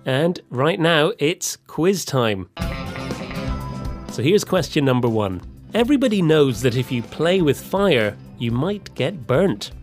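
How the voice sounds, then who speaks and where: A man presenting a scripted language lesson with a lively, measured delivery. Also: fairly high pitch, soft background music.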